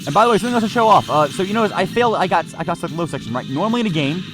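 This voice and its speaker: Racing along in a voice that sits high, this man narrates a let's play, reviewing gameplay with lively intonation. He rambles casually and frequently repeats or corrects himself mid-sentence while game music plays beneath.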